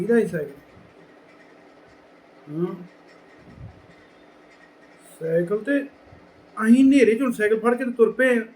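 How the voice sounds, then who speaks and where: Punjabi border-belt guy telling a story, majhi accent, high-ish voice, acts out everyone. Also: a little hiss or hum, rough recording. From Punjab border region. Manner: lively, acts out quoted people, drops to hushed tones. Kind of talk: casual anecdote telling.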